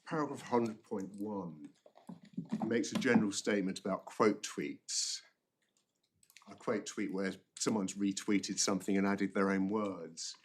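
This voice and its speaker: A man arguing an appeal as a barrister, formally, halting and often repeating words. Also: on the low side, a little hiss or hum. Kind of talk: formal courtroom legal argument.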